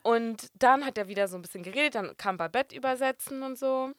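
A young woman telling a story in casual podcast chat, lively and animated, acting out what people said and dropping in English and French phrases. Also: on the high side, fairly quick, dry recording, clean studio sound.

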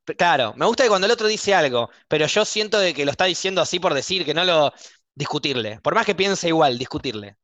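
Lively intonation marks this man's high-leaning, slightly bright voice as he hosts a laid-back podcast chat in Argentine-accented Spanish. He's emphatic and quick to argue, and the recording carries no room sound.

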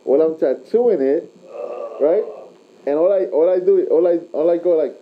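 A tattoo artist in his shop tells stories like a frat bro, chatting casually in crude slang and peppering his anecdotes with "bro." His voice is fairly high-pitched at a moderate pace, on a dull lo-fi recording.

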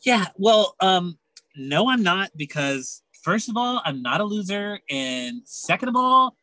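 A woman's voice: medium pitch, very animated, bright, forceful tone. A woman playing a snarky, sulky teenage cheerleader in a comedy radio play, hesitant and sarcastic. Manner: hesitant then sarcastic, drawn-out.

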